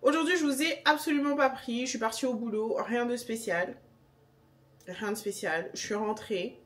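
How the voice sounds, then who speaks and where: A woman's voice: fairly high pitch, moderate pace, recorded from a distance. Chatty young woman vlogging at home. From Senegalese background. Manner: chatty, animated, wry about her tastes. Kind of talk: casual vlog chat. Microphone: handheld pocket camera.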